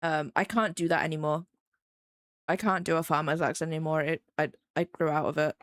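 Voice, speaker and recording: Steady in tone, low, and fairly quick, a young English woman with a slight Midlands accent talks to her live-stream chat as she draws. She rambles casually and runs herself down. The audio is clean studio sound without room noise.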